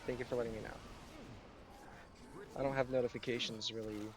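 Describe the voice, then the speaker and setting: A man's voice: mid-range voice, level tone, brisk. Sarcastic young American guy streaming. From United States. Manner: sarcastic, rambling. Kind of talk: casual live-stream chat while gaming.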